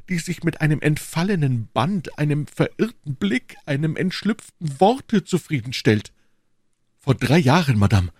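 Lovesick ardent duke read by a man, husky, dry mic. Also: on the high side, a little mellow, dry recording. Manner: fervent, swelling declarations. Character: passionate lovesick English duke, ardent and insistent. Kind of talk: audiobook reading of a classic novel.

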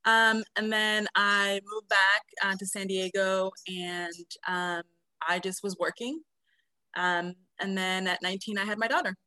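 A woman in her thirties, raised in South America, answering interview questions softly with many hesitant ums. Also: medium pitch, fairly even intonation, unhurried, clean tone, no echo. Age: 30s. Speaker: podcast guest, nurse.

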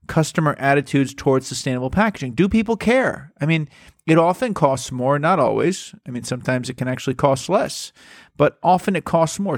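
A man's voice: mid-range voice, no echo, studio quality. A man hosting a show, commenting casually and emphatically while reading a study aloud. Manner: animated, emphatic, repeats words for stress. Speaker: podcast host.

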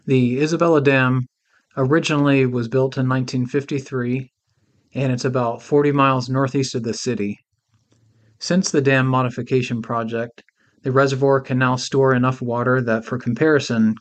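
A man hosting a podcast, reading a scripted introduction in a measured, informational way. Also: mid-range voice. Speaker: podcast host.

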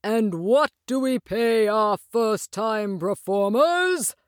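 Woman playing a grand male ringmaster, showman flourish, drawn-out delivery, storybook. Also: animated, no room sound, clean studio sound. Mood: brisk. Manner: booming showman announcements. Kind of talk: storybook character voice.

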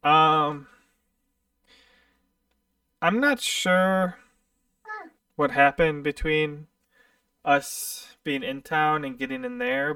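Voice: mid-range voice, gravelly, bright, forceful tone, clean tone, dry recording, studio quality, far from the mic, heavily acted. A game master voicing a group of nervous freed cultists who stammer and hesitate. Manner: hesitant, halting with ums.

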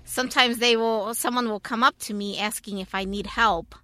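A woman's voice: fairly high pitch, fairly even intonation, moderate pace, pushed and bright, no room sound. A woman talking in a casual conversation, earnest and polite, explaining her view with frequent fillers.

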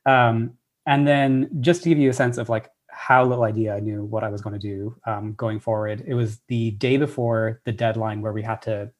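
A man's voice: lowish voice, flat delivery, normal speed. Chatty Irish man with many fillers. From Ireland. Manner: enthusiastic, many fillers and restarts. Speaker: assistant professor, guest. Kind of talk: casual storytelling interview.

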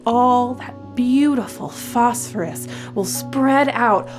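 A woman playing a hotline operator who coaxes with a soothing tone, then slips into brisk customer-service cheer. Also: on the high side, faint music behind. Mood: coaxing. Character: chirpy, callous female hotline operator. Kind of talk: audio drama acting.

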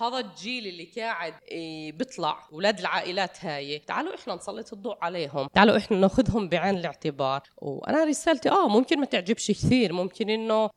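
Fast, impassioned Palestinian woman advocate. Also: lowish voice. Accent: Palestinian Arabic. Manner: earnest, emphatic, impassioned. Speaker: interview guest, advocate for affected families. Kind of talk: spontaneous interview talk.

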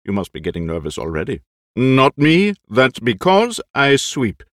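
A man's voice: medium pitch, huge pitch swings, normal speed, a bit bright, no echo, clean studio sound, voice pushed up. A man performing a nervous, vain, aging Spanish stage actor who talks in theatrical, frantic outbursts. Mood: boastful.

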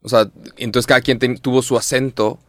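A young man with a Mexican accent chats casually, animated and slangy, with curses thrown in. His voice sits at a middle pitch. The recording is close and dry. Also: fairly quick, no room sound. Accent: Mexican Spanish. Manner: animated, slangy, rambling with swearing. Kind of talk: casual chat.

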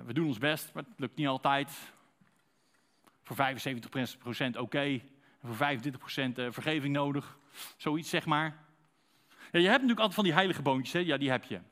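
A man's voice: medium pitch, normal speed, a bit bright. A man preaching a sermon to a congregation, speaking conversationally and asking them direct rhetorical questions.

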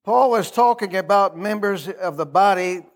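At a moderate pace, a middle-aged American pastor with a distinctly high voice gives an informal, folksy sermon that feels like talk rather than speechmaking. He repeats phrases and cues his listeners to answer.

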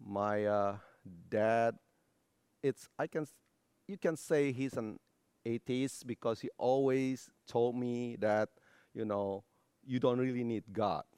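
Indonesia-born man in his forties, interview guest, smooth voice, halting delivery. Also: mid-range voice, a little mellow, dry recording. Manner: hesitant, with fillers. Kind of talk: interview testimony.

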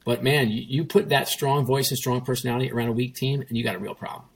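Speaking fast in a steady, medium-pitched voice with some breathiness, a former CEO shares a story as a guest in an informal interview. He tends to be emphatic, circles back to the same points, and quotes others as well as himself.

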